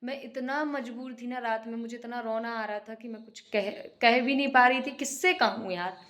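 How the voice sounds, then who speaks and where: Young mother venting on a home vlog; emotional, subdued delivery, slightly high voice, kitchen setting. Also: steady tone, moderate pace, fairly bright tone. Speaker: vlogger, single mother. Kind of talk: casual vlog monologue.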